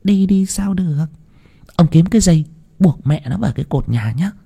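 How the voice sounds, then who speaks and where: A man voicing a shrill, stingy old village wife who scolds and schemes. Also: expressive, moderate pace, vocal fry, dark tone, husky, full character voice. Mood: scheming. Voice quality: high, strained, nagging.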